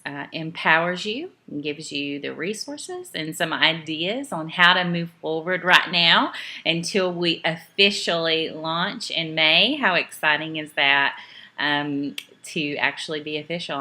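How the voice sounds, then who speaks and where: A woman's voice: sits low, pushed and bright. A middle-aged woman from East Tennessee with a Southern accent, giving a chatty, upbeat home video training talk, full of "um"s and self-corrections. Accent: Southern American (East Tennessee). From Eastern Tennessee, United States. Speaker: direct sales team trainer.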